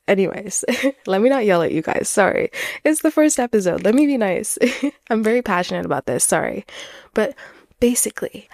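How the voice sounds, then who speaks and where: A native French speaker in her twenties hosts a casual, candid solo podcast, talking close to the mic in a mid-range, darkish voice with no echo. She comes across as chatty, earnest, and self-deprecating.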